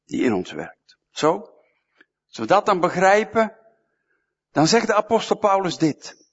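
A man's voice: sits high, sing-song, measured pace, fairly bright tone, breathy edge. A man preaching a sermon, emphatic and fond of repeating short phrases, in a church hall, with a dull, echoey sound.

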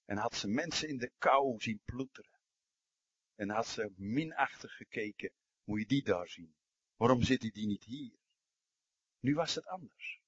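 A man delivers a sermon with a husky, slightly breathy voice. He tells stories, sinks into quiet passages and climbs into forceful emphasis. The recording is dry and muffled, with a dull lo-fi sound. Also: medium pitch, animated, a little slow, pauses often, no echo. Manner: storytelling, swings from hushed to emphatic. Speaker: preacher.

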